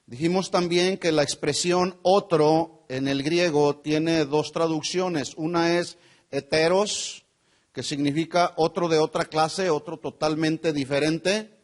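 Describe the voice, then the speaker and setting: A male pastor preaching a sermon, slow and deliberate, trailing off softly at the ends of his phrases. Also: on the high side, fairly even intonation. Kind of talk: sermon with scripture reading and prayer.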